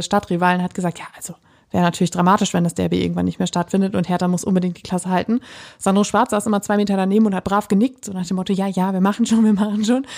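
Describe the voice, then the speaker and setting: A woman's voice: medium pitch, darkish tone. A woman hosting a football podcast in a casual, chatty and wry way, leading the talk with her co-host.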